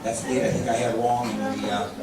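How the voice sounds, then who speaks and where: A man's voice: medium pitch, level tone, quick pace. A man hosting an anniversary program who presents church history conversationally, with hesitant fillers. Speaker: event host. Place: church hall. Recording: very echoey hall, distant mic, noisy.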